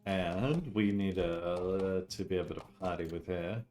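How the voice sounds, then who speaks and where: A man with a fairly low voice talks quietly and offhandedly to himself while playing a detective game. He sounds tired and keeps yawning. Soft game music plays faintly behind him. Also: unhurried. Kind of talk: casual gameplay commentary.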